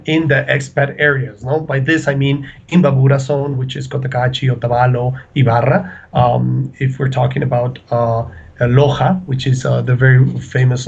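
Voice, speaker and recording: Hesitant man, husky fry, muffled lo-fi line. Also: medium pitch, a little mellow. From Ecuador. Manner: hesitant, many fillers and restarts. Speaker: real estate agent. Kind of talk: interview answers.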